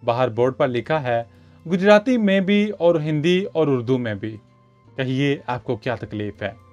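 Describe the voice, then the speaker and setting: A man's voice: mid-range voice, lively intonation, a little slow, a little mellow, lightly acted. Guy reading grumpy middle-aged village doctor, curt, muffled lo-fi audio, faint music. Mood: irritated. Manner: curt, irritated.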